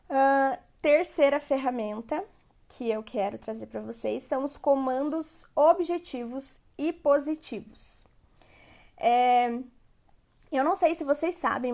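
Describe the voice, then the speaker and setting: A woman's voice: sits high, vocal fry, darkish tone. A woman giving a parenting lecture, conversational and repetitive, often checking in with her listeners. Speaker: parenting educator.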